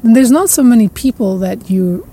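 A woman's voice: on the high side, lively intonation, breathy edge. A woman hosting a podcast, musing at length in a reflective spiritual monologue. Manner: slow, musing, with soft laughs and trailing repetitions. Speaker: podcast host.

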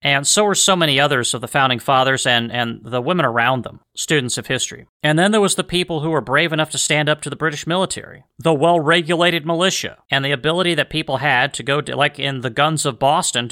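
Forceful, earnest American male podcaster. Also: mid-range voice, no room sound, studio quality. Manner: earnest, emphatic, repeats phrases for stress. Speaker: history podcast host. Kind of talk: unscripted opinionated solo podcast commentary.

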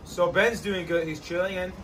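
A man hosting a casual outdoor chat, giving energetic, joking fitness advice beside an ice bath. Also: high-pitched, moderate pace, far from the mic, rough recording. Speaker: host, trainer.

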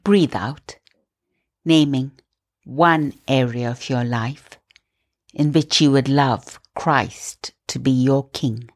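Low calm woman leading a breathing prayer, takes it real slow. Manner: slow, soft, calm guiding. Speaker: meditation host. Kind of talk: guided prayer meditation.

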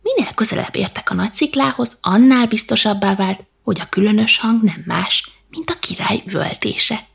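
A woman reading a bedtime story in a soft, slow, half-whispered manner. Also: mid-range voice, creaky, slightly rough.

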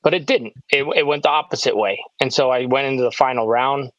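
A man and pro disc golfer, recapping his tournament in a relaxed, rambling casual chat full of "like" fillers. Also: mid-range voice, a little fast, dry recording. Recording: dull, dry lo-fi sound.

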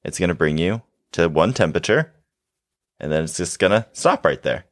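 A man's voice: low-pitched, lively intonation, moderate pace, dry recording, clean studio sound. A young man hosting a podcast, reflecting casually and explaining his points through everyday analogies. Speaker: podcast host.

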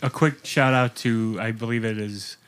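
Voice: mid-range voice, fairly even intonation, normal speed, fairly bright tone. A co-host on a casual film podcast who tells long anecdotes and asks the others questions.

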